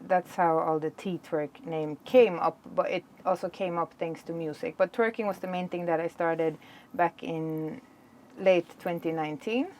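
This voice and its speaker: Low-voiced Swedish woman, chatty. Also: a little slow, slight background noise. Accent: Swedish with Jamaican patois touches. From Sweden. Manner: chatty, laughs easily, animated storytelling. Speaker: dancehall artist. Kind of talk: casual interview answers.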